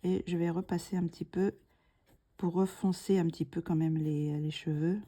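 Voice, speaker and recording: Mellow-voiced woman walking through a coloring tutorial, slow and soft, half whispering to herself. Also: fairly low pitch, fairly even intonation. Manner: slow, soft-spoken, thinking aloud, drops to whispers.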